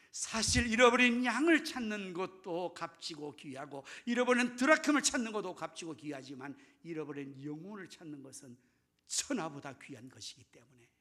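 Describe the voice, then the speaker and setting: A pastor with a high voice preaches a dramatic sermon, swinging from loud bursts to whispers and putting questions to the congregation. The sound has the spread of a big room.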